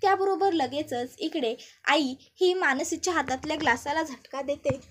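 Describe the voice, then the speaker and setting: A woman narrating a TV serial recap, retelling scenes in a brisk, linking storytelling manner. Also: high-pitched, a bit bright.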